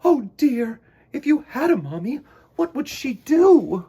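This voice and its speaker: A man plays a motherly storybook bear lady, tender and concerned. The pitch is lifted high with lilting swings, and the questions come gently. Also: sing-song, measured pace, husky, heavily acted.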